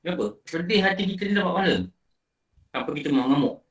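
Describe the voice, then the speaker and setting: A man's voice: a little high, quick pace. A man with a Malaysian Malay accent giving an online religious lecture, telling stories and acting out scenes as he teaches. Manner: animated storytelling, acting out film scenes. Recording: roomy and distant from the mic.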